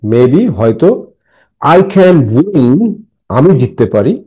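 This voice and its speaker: Slow, mellow-voiced male teacher. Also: mid-range voice, expressive, breathy edge, poor audio. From Bangladesh. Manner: slow, patient, repeating phrases and translating. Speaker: English teacher. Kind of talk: line-by-line Bengali-English lesson.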